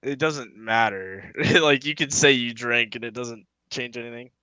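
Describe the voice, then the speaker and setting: A young man in his twenties, a podcast co-host, telling a story in casual chat, animated and swearing as he acts out quotes. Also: medium pitch, measured pace, clear, resonant tone, dry recording, low-quality recording.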